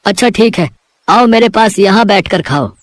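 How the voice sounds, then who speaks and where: Woman voicing Bansi, gentle jalebi-seller uncle. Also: mid-range voice, expressive, normal speed, no echo, lightly acted. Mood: affectionate. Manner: gentle, soothing, fatherly. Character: kindly principled middle-aged male jalebi seller. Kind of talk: cartoon voice acting.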